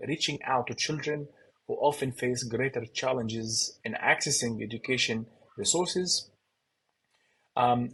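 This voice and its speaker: Husky-voiced hesitant podcast host. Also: male voice, mid-range voice, rough recording. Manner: hesitant, many fillers. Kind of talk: podcast introduction.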